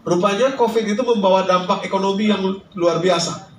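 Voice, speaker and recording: A male preacher gives a sermon to a gathering, reciting Arabic verses and then explaining them in plain speech. His voice is fairly high. It reaches a distant mic in a roomy space with faint ambience behind. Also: fairly quick, a little hiss or hum. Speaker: Islamic preacher. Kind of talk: sermon at a religious study gathering. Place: restaurant lounge hall.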